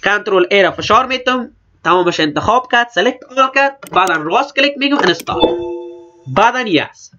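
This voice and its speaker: This computer instructor has an Afghan Dari accent and a high-pitched voice with lively intonation. He explains every click plainly in a step-by-step tutorial, going over steps again. Background noise runs under a slightly dull, lo-fi recording.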